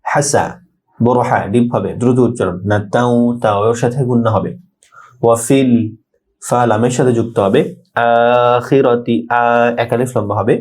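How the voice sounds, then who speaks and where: A man with a Bangladeshi Bengali accent teaching tajweed, reciting each phrase slowly and then explaining how each letter is pronounced. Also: mid-range voice, fairly even intonation, a little mellow, slightly rough. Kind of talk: tajweed lesson, word-by-word pronunciation.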